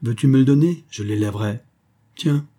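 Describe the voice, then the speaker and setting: A man's voice: mid-range voice, normal speed, warm tone, breathy edge, close to an everyday voice. A man voicing a grim Indian father who speaks bluntly and coldly in a spoken storybook.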